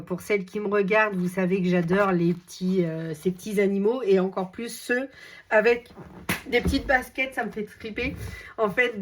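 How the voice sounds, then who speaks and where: A middle-aged woman hosting a craft channel, chatting casually and enthusiastically with many fillers, her voice slightly hoarse. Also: medium pitch, slight background noise. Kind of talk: casual chat showing books.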